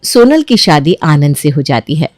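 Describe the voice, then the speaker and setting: A woman narrating an animated family story in a plain storytelling voice. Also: low voice, moderate pace, dry recording, studio quality.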